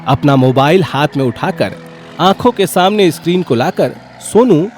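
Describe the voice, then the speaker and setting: Lively male storyteller over music. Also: a little high, moderate pace. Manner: lively, wry comic narration. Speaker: narrator. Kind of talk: scripted storytelling narration.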